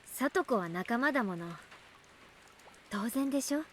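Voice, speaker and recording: A woman's voice: on the high side, animated, fairly quick, a little hiss or hum, close to an everyday voice. A woman playing a teenage schoolgirl who hides resentment behind feigned concern, in a Japanese visual novel. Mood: curt, resentful.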